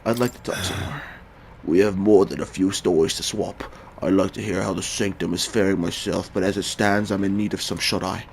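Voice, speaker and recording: A man voicing a gruff, middle-aged male swordsman mentor in a low, quiet voice while reading game dialogue aloud. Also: steady tone, a little fast, a little hiss or hum. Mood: tired.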